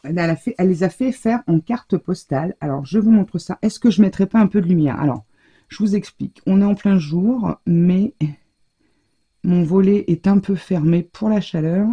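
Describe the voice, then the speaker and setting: In her home craft room, shutter half closed, a craft-channel host opens her mail and chats casually, gushing over every card between plenty of small fillers. Her voice sits lowish and warm with a breathy edge, at normal speed, and the sound is lo-fi. An overhead table camera picks her up.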